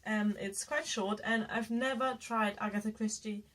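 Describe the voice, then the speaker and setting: Woman hosting a book channel, mid pitch, bright tone, dry wit. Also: steady tone, normal speed, low-quality recording. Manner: dry, self-deprecating, laughs often. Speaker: channel host. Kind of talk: casual book haul chat.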